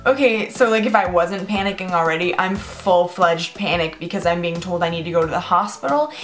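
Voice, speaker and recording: A young woman in her twenties telling a personal story to the camera, animated and profane, peppered with "like". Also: on the low side, soft background music. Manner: animated, profane, fast bursts with lots of "like". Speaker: vlogger. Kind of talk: storytime monologue.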